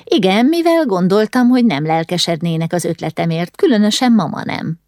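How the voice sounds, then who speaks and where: A woman's voice: mid-range voice, lively intonation, a little mellow, no echo, studio quality, pitched above the performer's own voice, close to an everyday voice. A woman voicing an eager, scheming young noble girl who talks persuasively, in an audiobook reading.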